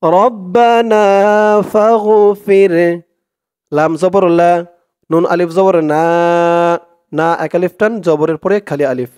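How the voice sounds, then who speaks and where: A man teaching Arabic reading, who spells words letter by letter and chants each syllable slowly and long. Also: on the high side, fairly even intonation, darkish tone. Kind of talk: spelled-out recitation lesson.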